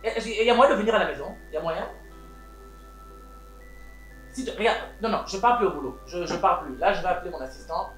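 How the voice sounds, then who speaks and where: A man's voice: high-pitched, fast, long pauses, lightly acted. A man playing a wealthy Congolese family head. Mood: pleading, worried. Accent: Congolese French. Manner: switches between French and Lingala, pleading then scolding. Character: wealthy man protective of his siblings. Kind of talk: Congolese TV series acting. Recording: roomy room with background music.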